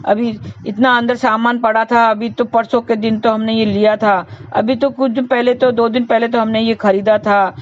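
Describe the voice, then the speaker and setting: Woman doing an emotional mother in a moral tale, high and exclaiming, wailing at God; lo-fi, faint hiss. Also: little pitch movement, moderate pace, few pauses, no room sound, lightly acted. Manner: wailing and exclaiming, swinging between grief and joy. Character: emotional middle-aged mother, quick to blame God.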